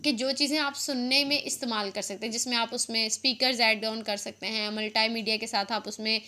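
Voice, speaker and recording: A woman teaching an English lesson, slowing down to read out each English phrase. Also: on the high side, steady tone, sharp tone. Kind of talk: classroom lesson.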